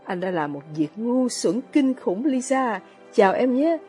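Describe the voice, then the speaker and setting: A woman voicing a gentle, earnest young man in a storybook reading, pained and halting. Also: on the high side, big pitch swings, soft background music. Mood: sorrowful.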